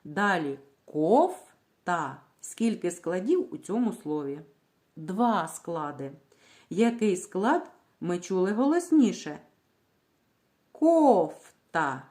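A woman teacher leads a literacy lesson for small children, her voice rising and falling in a lively way. She speaks at an unhurried, slow pace, drawing out each word syllable by syllable. She asks the class a question, then gives the answer herself. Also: on the low side. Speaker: primary school teacher.

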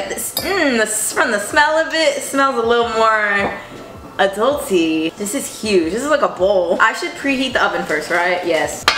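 A woman's voice: mid-range voice, noisy background. A woman in her twenties chatting casually to camera in her home kitchen, rambling and playful. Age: 20s. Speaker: vlogger. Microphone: fixed camera on counter. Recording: echoey kitchen room.

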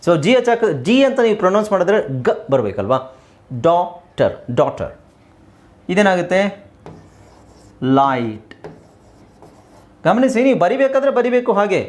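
A middle-aged male teacher with a Kannada accent walks through an English lesson, spelling words letter by letter and repeating them. His voice sits a little high and swings widely in pitch as he explains. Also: very animated. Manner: explains patiently, repeats words, slow deliberate spelling aloud.

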